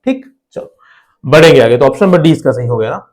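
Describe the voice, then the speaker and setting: A man's voice: mid-range voice, lively intonation, brisk, a little mellow. An Indian man teaching an exam prep lesson, explaining step by step and often asking rhetorical questions.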